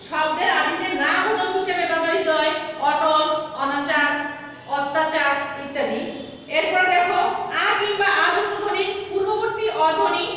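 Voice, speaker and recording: A woman teacher with a very high voice gives a grammar lesson, repeating words slowly and asking her class questions as she goes. She sounds far from the mic, in a strongly echoing room with a long reverb tail and faint background noise. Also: bright, forceful tone.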